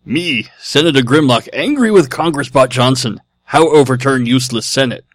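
A man's voice: mid-range voice, normal speed, dry recording, studio quality, lightly acted. Man putting on a caveman robot voice. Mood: gruff. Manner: robot voice in broken caveman speech. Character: grunting caveman-style male robot senator, blunt. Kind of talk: podcast listener Q&A.

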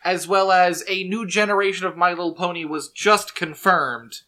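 A man co-hosting a casual podcast, interrupting with deadpan trivia and quick opinions. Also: high-pitched. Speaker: podcast co-host. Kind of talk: casual chat.

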